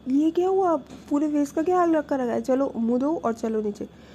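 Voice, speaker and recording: A woman's voice: sits high, moderate pace, dark tone, a little hiss or hum, voice pushed up, natural voice. A woman voicing a stern middle-aged mother who gives curt orders.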